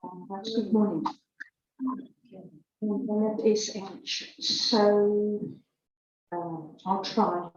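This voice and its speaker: Slow, mellow woman. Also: medium pitch, fairly even intonation. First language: Afrikaans. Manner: halting, self-correcting, emotional. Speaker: church member giving testimony. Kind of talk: personal church testimony. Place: church hall. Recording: echoey church hall, distant dull mic.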